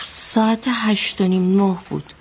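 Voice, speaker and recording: A woman's voice: mid-range voice, steady tone, breathy edge. An actress playing an anxious mother who recounts a bloody wedding in a radio drama, telling it vividly. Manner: vivid storytelling, shouting out the quotes she retells.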